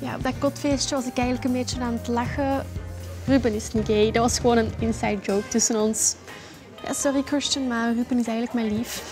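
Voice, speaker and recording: Actress as friendly young woman, Flemish accent, high voice, eager to please, teen drama, music behind. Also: fairly even intonation, a little fast, lightly acted. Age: young adult. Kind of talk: scripted teen drama acting.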